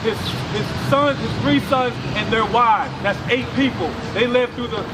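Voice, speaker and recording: Man, very high voice, commanding street preacher, heavy traffic noise. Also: normal speed. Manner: insistent, commanding, repeats and explains verses. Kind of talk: street teaching debate. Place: city street outdoors.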